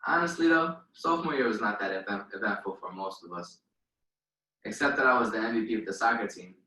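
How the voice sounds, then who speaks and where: Young valedictorian from Palestine, echoey. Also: male voice, on the low side, brisk, bright, forceful tone, far from the mic. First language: Arabic. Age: young adult. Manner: formal, earnest address. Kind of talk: commencement speech.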